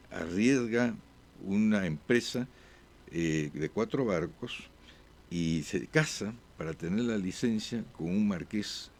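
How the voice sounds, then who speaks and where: A man speaking as a diplomat guest in an interview, with halting answers full of "eh" pauses and restarts. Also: deep voice. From born abroad.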